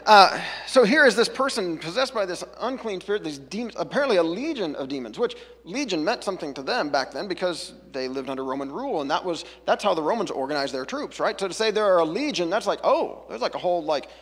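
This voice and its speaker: A man's voice: sits high, expressive, fast talker, hardly any pauses, fairly bright tone, husky, big-room sound. A man preaching a casual, chatty sermon, breaking off into jokey asides and back. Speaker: pastor. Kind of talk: conversational sermon.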